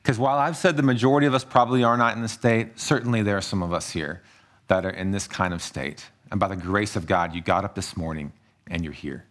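A man's voice: lowish voice, fast, fairly bright tone. Earnest male pastor preaching a sermon.

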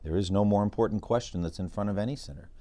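Earnest low-voiced male podcast host. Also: rapid-fire, warm tone, dry recording. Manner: earnest, preacherly, reads quoted passages with dramatic lift. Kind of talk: solo podcast narration on church history.

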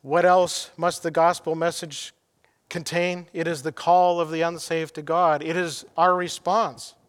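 A man's voice: a little high, flat delivery, measured pace, clean tone, long reverb tail. A middle-aged man preaching a sermon as pastor, earnest and emphatic, telling anecdotes.

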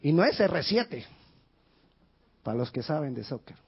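A male pastor delivers a fervent sermon in a high, husky voice. He climbs to shouted bursts and sinks to hushed, low lines. The recording sounds dull and lo-fi. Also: big pitch swings, unhurried. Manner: impassioned, shouting in bursts then dropping low.

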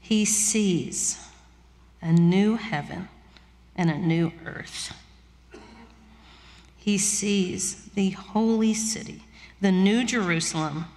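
A woman pastor giving a sermon, reading scripture slowly and reflectively with soft pauses. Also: mid-range voice, long reverb tail.

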